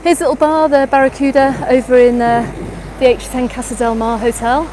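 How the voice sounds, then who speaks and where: This travel vlogger, a middle-aged woman from England, has a high-pitched, a little mellow voice delivered flatly and fairly quickly in her English accent. She's live-streaming a walking tour on a crowded beach promenade at dusk, fielding viewer questions amid crowd chatter and traffic.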